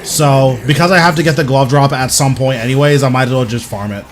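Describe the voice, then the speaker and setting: A man's voice: medium pitch, steady tone, fast talker, a little hiss or hum. A young man giving casual, rambling live commentary while streaming a video game. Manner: rambling, thinking aloud, informal.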